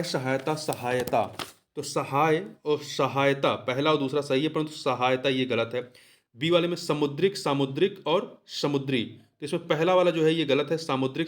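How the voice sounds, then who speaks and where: A man explaining exam test answers as a tutor, repeating each answer and asking it back as a question. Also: on the high side.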